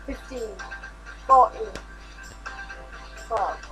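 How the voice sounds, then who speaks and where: A woman's voice: on the high side, very slow, music in the background, poor audio. A woman chatting casually and playfully during a challenge video. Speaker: contestant and timekeeper in a burping contest.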